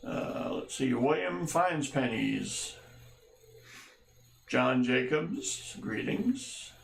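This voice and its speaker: A man hosts a casual livestream, calling out viewers one by one and tossing in wry jokes between rambling asides. He talks at a slow, unhurried pace in a mid-range voice, with a faint hum of room noise behind him. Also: mid-range voice, animated, vocal fry, echoey room. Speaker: livestream host.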